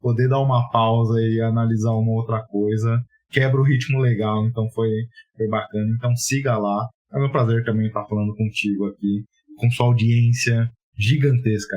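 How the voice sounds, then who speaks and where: A man's voice: medium pitch, a little mellow, poor audio. A Brazilian man who is a guest on a sports podcast, speaking in a friendly, easygoing way. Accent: Brazilian Portuguese. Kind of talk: casual podcast chat.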